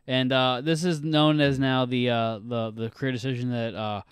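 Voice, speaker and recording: A man's voice: mid-range voice, flat delivery, moderate pace, clean tone, no echo. A man hosting a podcast in casual chat, rambling through lists of names with many fillers. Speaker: podcast host.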